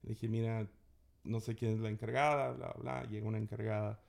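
A man's voice: fairly low pitch, little pitch movement, fairly quick, gravelly, darkish tone. A man, co-hosting a podcast and telling a story with exasperation, quoting what others said. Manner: exasperated, recounting with quoted dialogue. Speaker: podcast co-host. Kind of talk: casual storytelling chat.

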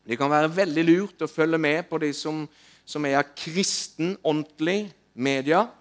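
Guy preaching, higher voice, tells stories, gets loud then goes quiet. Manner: animated, rising to loud calls when retelling. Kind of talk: sermon with storytelling.

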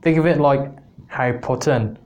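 An English man with a medium-pitched, slightly mellow voice tells a personal story on his podcast at a moderate pace. As host, he rambles casually, restarts often, and laughs at himself.

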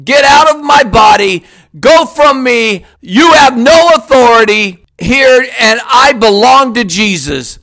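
Male, very high voice, slow and bright, commanding prayer declarations. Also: expressive, rough recording. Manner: commanding, forceful, repetitive declarations.

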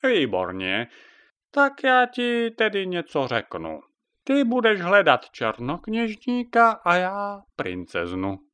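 A man voicing a cranky female witch who rides a broomstick, croaky and bossy, scolding her companion. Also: high-pitched, huge pitch swings, bright, forceful tone, no room sound, pitched above the performer's own voice, full character voice. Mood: scheming.

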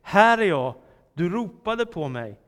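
A man's voice: high-pitched, very animated, in a large hall. A man reading the part of an eager young boy servant who answers readily, in a Bible reading.

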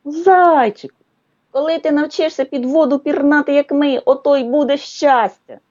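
A woman's voice: high voice, normal speed, a little mellow, lo-fi sound, voice pushed up, natural voice. A woman voicing a chatty little female duck in a children's story, chirpy and caring.

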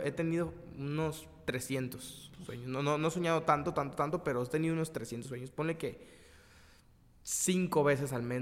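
A man with a Mexican accent tells a long personal story in casual, slangy chat. He often stops and restarts his words. His voice sits a bit high, and a long reverb hangs on it.

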